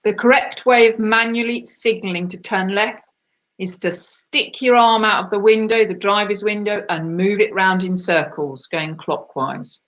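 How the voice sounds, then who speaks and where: A woman of middle pitch running an online quiz night, going through the answers one by one. She chats between them, pokes fun at herself and drifts off into asides. Her voice comes over a video-call microphone. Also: normal speed, fairly bright tone. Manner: chatty and self-deprecating, laughs at herself. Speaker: quiz host.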